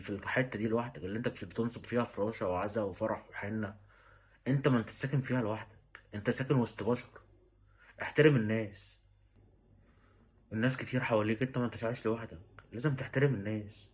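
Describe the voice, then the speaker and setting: A man with an Egyptian Arabic accent, talking straight to the listener in an exasperated, pleading rant. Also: fairly low pitch. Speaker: vlogger. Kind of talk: direct-to-camera rant.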